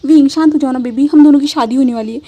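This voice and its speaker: A woman's voice: sits high, very fast, dark tone, lightly acted. A woman doing a possessive young mafia boss. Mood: coaxing. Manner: pleading then gloating, emphatic.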